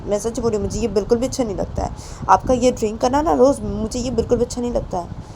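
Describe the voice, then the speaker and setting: A woman's voice: a little high, quick pace, dark tone, slight background noise, voice pushed up, lightly acted, low-quality recording. A woman voicing a young woman who pleads emotionally with her partner, repeating herself with rising insistence. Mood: upset pleading.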